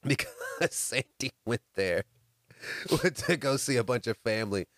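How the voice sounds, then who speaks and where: A man's voice: medium pitch, lively intonation, measured pace, a bit bright, dry recording, clean studio sound. A man from the United States in casual chat who laughs often while telling stories and quoting people.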